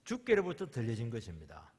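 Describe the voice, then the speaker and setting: Impassioned husky Korean pastor preaching. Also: male voice, medium pitch, huge pitch swings, brisk. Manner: impassioned, swings from loud outbursts to hushed whispers. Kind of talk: sermon. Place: church sanctuary. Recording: long church reverb.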